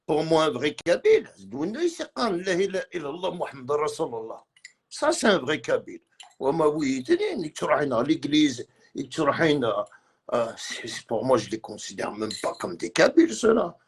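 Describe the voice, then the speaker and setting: Man, livestream rant, agitated, repetitive, gravelly husky voice, lively pitch. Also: moderate pace. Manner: agitated, repetitive, mixes French with Arabic and Kabyle. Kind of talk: heated live-stream rant.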